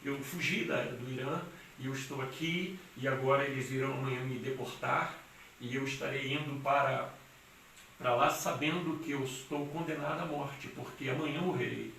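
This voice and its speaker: A man voicing a frightened young woman prisoner who speaks in a low, hushed, pleading way. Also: steady tone, normal speed, recorded from a distance, a little hiss or hum, close to an everyday voice. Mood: desperate. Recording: echoey room miked from afar.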